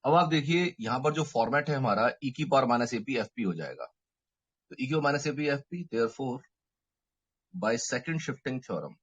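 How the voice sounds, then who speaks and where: A male mathematics teacher working through a lecture step by step, often stopping to ask his students to confirm they follow. His voice is husky and sits at an ordinary middle pitch. The recording is dull and lo-fi, like a classroom mic. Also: expressive, unhurried. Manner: explains step by step, checks in with students; mixes Hindi and English terms. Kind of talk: online math lecture. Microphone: microphone.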